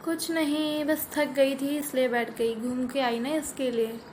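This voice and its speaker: A woman puts on a laid-back elder sister who teases gently and hatches pranks. Her voice is noticeably lower and softer than the bratty sisters, with an easy, coaxing tone. This is a homemade comic family sketch. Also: little pitch movement, a little slow, a little hiss or hum. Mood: amused. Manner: soft, amused, coaxing. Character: calm teasing elder sister, scheming.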